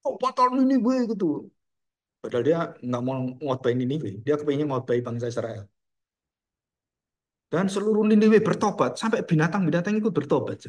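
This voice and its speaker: A high-pitched pastor preaching a lively sermon. He acts out voices and scenes, rising to loud outbursts, then dropping to hushed, solemn warnings. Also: fairly quick. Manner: animated preaching, acting out dialogue, swinging from loud to hushed.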